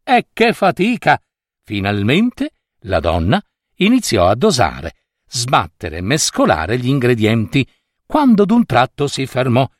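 A man reading a fairy tale aloud in an expressive, playful way. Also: medium pitch, a little slow, no room sound, studio quality. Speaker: storyteller.

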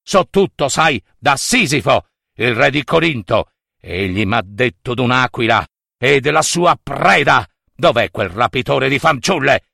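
A man's voice: medium pitch, expressive, measured pace, creaky, pushed and bright, no echo, studio quality, full character voice. A man voicing a furious old river god and father in a storybook tale, bellowing accusations.

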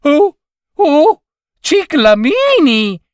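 A man voicing a cheerful middle-aged woman office clerk in a storybook reading, talking in a gushing, high, drawn-out way. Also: huge pitch swings, dry recording, clean studio sound, exaggerated voice. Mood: delighted.

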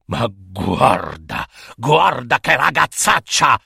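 A proud, hairy monster from a children's storybook, full of bluster and threats, voiced by a male narrator. His voice is gravelly and swings wildly between low growls and high outbursts. Underneath the menace he is easily hurt. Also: very animated, takes it slowly, sharp tone, no echo, studio quality, full character voice. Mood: angry.

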